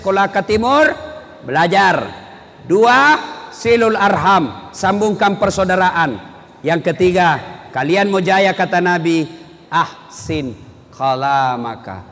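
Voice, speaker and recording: A man with a Makassar accent giving a humorous sermon, lively and acting out little dialogues with different voices. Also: high-pitched. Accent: Makassar Indonesian. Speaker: preacher and university lecturer. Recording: hall reverb, faint noise.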